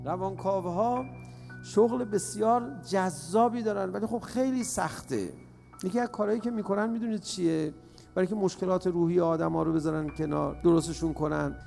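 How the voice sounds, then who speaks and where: A man's voice: sits high, creaky. A man preaching a sermon to a crowd, asking rhetorical questions and repeating lines for emphasis. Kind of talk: religious sermon. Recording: reverberant hall with faint music.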